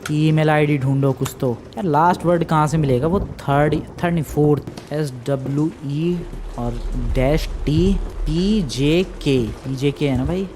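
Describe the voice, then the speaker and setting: A man's voice: on the high side, measured pace, a little mellow, a little hiss or hum. A man commentating a horror game for viewers, jumpy and easily frustrated, yelping at scares. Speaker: gaming YouTuber.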